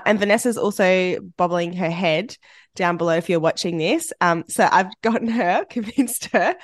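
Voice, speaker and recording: A woman's voice: on the low side, no room sound, clean studio sound. A woman hosting a podcast in casual, upbeat chat, her voice congested from a chest infection. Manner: upbeat and chatty, laughs often. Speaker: podcast host.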